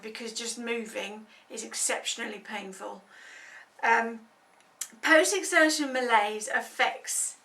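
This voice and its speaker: A woman's voice: on the high side, sharp tone, distant mic. A woman giving an informal explanatory talk, conversational and full of personal examples and everyday comparisons, like a campaigner raising awareness.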